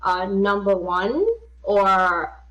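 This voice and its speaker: A woman's voice: mid-range voice, little pitch movement, very slow, fairly bright tone, slight background noise. A woman from Vietnam, chatting casually on a podcast in a hesitant, self-deprecating way with many fillers. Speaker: podcast co-host. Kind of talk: casual chat. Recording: distant mic.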